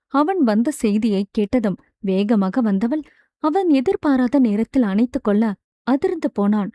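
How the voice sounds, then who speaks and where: Woman narrator, romance audiobook, higher pitch, mellow tone, dry close sound. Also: animated, a little slow, dry recording. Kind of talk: scripted narration of a romance novel.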